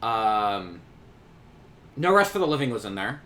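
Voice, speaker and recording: A man hosting a reaction video, talking casually with quick jokes, asides and lots of fillers. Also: lowish voice, big pitch swings, pushed and bright. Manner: chatty, joking, with many fillers and quick asides. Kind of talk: casual commentary over a video.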